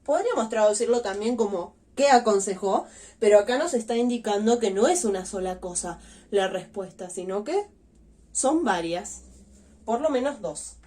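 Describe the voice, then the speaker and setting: A woman's voice: medium pitch, animated, moderate pace, a little mellow. A woman teaching a recorded online language lesson, explaining patiently step by step and stressing each example word.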